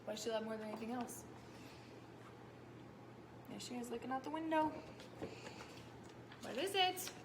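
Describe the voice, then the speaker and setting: A woman teacher reading a picture book aloud to young children, animated, stopping often to ask them questions. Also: on the high side, normal speed, long pauses, noisy background.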